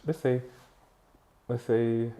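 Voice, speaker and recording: A man's voice: mid-range voice, fairly even intonation, slow, mellow. A man from Lusaka with a Zambian accent, chatting casually as an interview guest, repeating words in an emphatic stammer. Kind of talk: casual chat.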